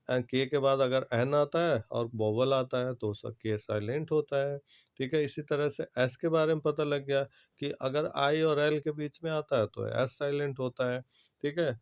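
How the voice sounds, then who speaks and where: A male teacher explains rules to his students step by step, checking understanding after nearly every phrase. His pitch sits in the middle range. The recording is a little dull and lo-fi. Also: darkish tone, smooth. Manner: repeats "ठीक है" and "जो है ना" constantly, explains step by step. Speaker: English teacher. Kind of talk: classroom lesson to students.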